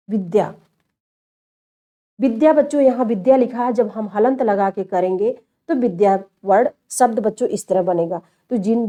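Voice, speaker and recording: A woman's voice: a little high, dark tone. A female teacher giving a step-by-step lecture, repeating key terms and addressing her students as children. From India. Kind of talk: classroom lecture.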